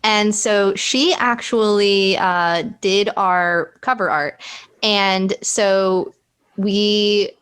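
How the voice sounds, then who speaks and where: A woman's voice: medium pitch, steady tone, very slow, a bit bright, clear, resonant tone. A woman in her twenties, a guest on a casual podcast, chatty and giggly. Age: 20s. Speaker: podcast guest, tabletop game player.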